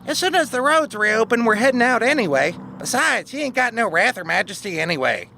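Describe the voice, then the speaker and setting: A man doing a very high, bright-voiced sarcastic sidekick. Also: very animated, a little fast, gravelly, slight background noise, exaggerated voice. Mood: teasing. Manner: sarcastic, teasing, folksy drawl. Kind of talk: audio drama acting.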